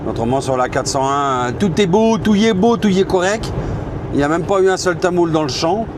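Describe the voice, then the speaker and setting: A man's voice: sits high, lively intonation, brisk. A man from France with a French accent, a truck driver vlogging casually from his cab and chatting to his viewers. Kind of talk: casual vlog while driving. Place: inside a truck cab on the road. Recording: road noise behind. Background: engine and road noise.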